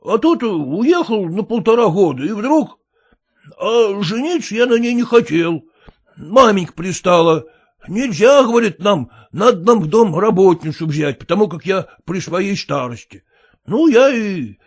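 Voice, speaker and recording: A man voicing an illiterate, clumsy peasant who pleads in rustic, halting speech with fillers. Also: high-pitched, very animated, voice pushed up, exaggerated voice. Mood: pleading.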